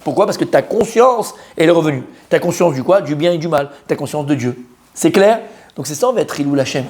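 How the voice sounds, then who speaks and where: A man leads a Torah class in French, quizzing his students animatedly, repeating key points and slipping in Hebrew terms. He speaks fast in a fairly high voice.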